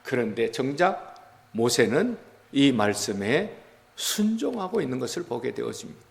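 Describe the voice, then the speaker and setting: A man's voice: medium pitch, big pitch swings, normal speed, vocal fry, big-room sound. A man preaching a Sunday sermon as pastor, retelling scripture in a conversational way and putting rhetorical questions to his congregation. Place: church sanctuary.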